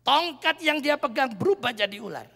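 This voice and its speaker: A man preaching a sermon as pastor, telling stories with local dialect and breaking into loud emphatic shouts. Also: very high-pitched, normal speed, creaky. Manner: animated storytelling, mixing in local dialect. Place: large church hall. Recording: long church-hall reverb.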